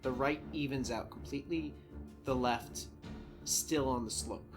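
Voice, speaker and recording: A man running a tabletop game, calmly describing the scene to the players. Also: medium pitch, measured pace, over music. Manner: calm descriptive narration. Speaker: game master.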